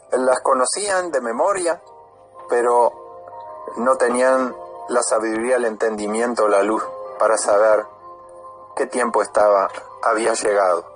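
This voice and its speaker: A man preaching a sermon, earnest, with pleas that rise in pitch. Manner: earnest, rising to loud cries when voicing the blind man's pleas.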